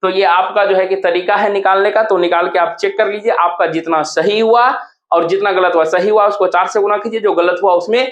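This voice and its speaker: A man's voice: high voice, steady tone, brisk, dull audio. A male coaching teacher, going over exam answers step by step and spelling words out letter by letter. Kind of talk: exam answer review lesson. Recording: echoey room.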